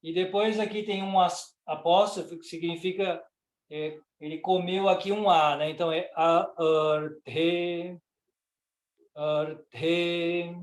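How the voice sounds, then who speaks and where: A man's voice: high voice, flat delivery, slow pace. A man with a Brazilian Portuguese accent teaching Sanskrit pronunciation, reciting word by word and chanting the verse. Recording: echoey room.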